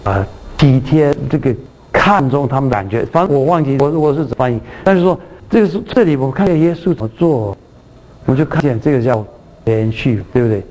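A man preaches at a middle pitch, teaching from a Bible passage. He circles back over his words, restarts phrases and keeps asking his listeners whether they follow. When he reads scripture, his voice lifts to stress key lines. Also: lively intonation, fairly quick, darkish tone, rough recording. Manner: repetitive, restarts words, checks in with the audience; reads scripture aloud with lifted emphasis.

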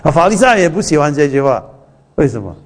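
Male preacher, fairly high voice, chatty sermon with restarts, rhetorical questions and English asides. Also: big pitch swings, fast, vocal fry. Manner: slips English phrases into the talk.

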